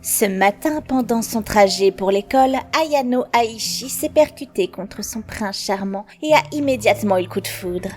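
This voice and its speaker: A woman voicing a sly, composed teenage schoolgirl informant in a French anime fan dub, speaking in a knowing, measured way. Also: mid-range voice, lively intonation, a little mellow, faint music behind, close to an everyday voice. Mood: smug, mysterious.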